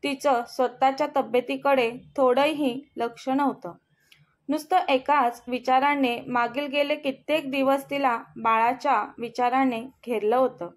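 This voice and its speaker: Slow high-voiced woman storyteller. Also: fairly even intonation. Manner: reads slowly, voicing the family's lines herself. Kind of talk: scripted story narration.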